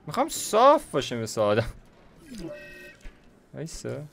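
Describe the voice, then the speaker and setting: A man's voice: medium pitch, wildly swooping pitch, creaky, a bit bright, soft background music. A young man giving casual, slangy gameplay commentary, chatting to himself as he builds. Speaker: gaming YouTuber.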